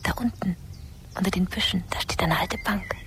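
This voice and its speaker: An actress playing a devoted young woman who speaks softly and soothingly, often in a whisper, in a radio drama. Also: lowish voice, moderate pace, lightly acted. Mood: tender hushed. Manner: soft, hushed, soothing.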